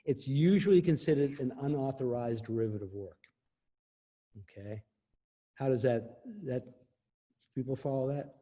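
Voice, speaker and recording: A man with a dark, husky voice speaks as an interview guest. He explains things emphatically, with frequent laughs. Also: medium pitch. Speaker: interview guest, copyright expert. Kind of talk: explanatory casual talk.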